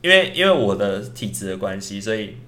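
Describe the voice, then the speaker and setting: A man's voice: on the low side, big pitch swings, brisk, fairly bright tone. A man, casually telling a ghost story on a podcast at night, rambling with lots of fillers and restarts. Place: indoor recording at night.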